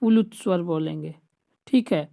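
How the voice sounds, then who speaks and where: A woman's voice: fairly low pitch, normal speed, gravelly, mellow. A woman teacher giving an exam-prep lecture, explaining step by step and repeating key terms back to the class as questions. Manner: patient, stepwise explaining with frequent checks.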